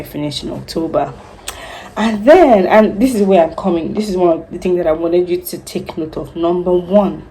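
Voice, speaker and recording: A woman's voice: on the low side, a little hiss or hum, low-quality recording. Chatty Nigerian woman telling her story. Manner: chatty, animated storytelling with laughs. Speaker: vlogger, news anchor. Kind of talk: casual storytime vlog.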